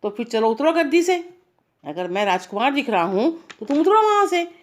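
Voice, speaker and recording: A woman's voice: a little high, sing-song, a little fast. A cheeky, swaggering male mouse from a spoken bedtime story, played by a woman reading aloud. He brags and demands, and he threatens with a raised, pushy voice. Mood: demanding. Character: cocky mischievous male mouse in a shiny cap.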